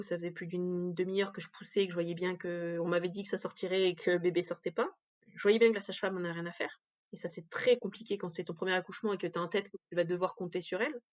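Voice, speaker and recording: A woman's voice: lowish voice, darkish tone. A woman giving a candid personal account in an interview, speaking directly and with emotion. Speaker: interview guest.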